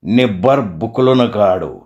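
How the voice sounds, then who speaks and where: A man's voice: fairly low pitch, expressive, slow pace, a little mellow, muffled recording, voice pushed down. A man voicing a hot-headed, dim village wrestler who threatens and bullies. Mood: menacing. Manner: gruff, bullying.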